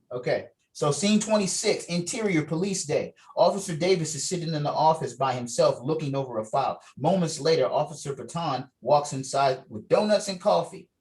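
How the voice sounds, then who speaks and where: Over a video call mic, a man with a slightly high, somewhat mellow voice runs a script read. He keeps things casual and encouraging while reading out the scene directions.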